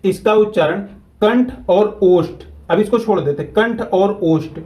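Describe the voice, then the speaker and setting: A man teaching a grammar lesson at a whiteboard, repeating key terms slowly so students can follow. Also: high-pitched, darkish tone, low-quality recording.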